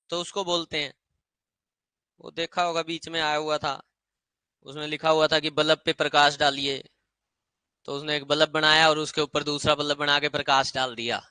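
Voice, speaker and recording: A male grammar teacher with a high, very bright and forceful voice, recorded dry and close. He lectures in a lively way, repeats each word as a drill and stretches English phrases out slowly for his students. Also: clear, resonant tone, no echo, rough recording. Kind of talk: classroom lecture.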